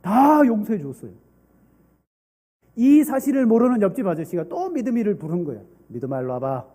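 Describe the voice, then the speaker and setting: A male pastor preaching a sermon, telling a story and asking the congregation questions in an animated way. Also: very high voice, a little fast.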